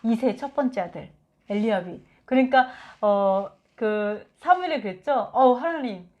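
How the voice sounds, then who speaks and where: A woman giving a conversational Bible teaching, lively and acting out quotes from scripture. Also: mid-range voice, unhurried, lo-fi sound. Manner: animated, acts out biblical quotes.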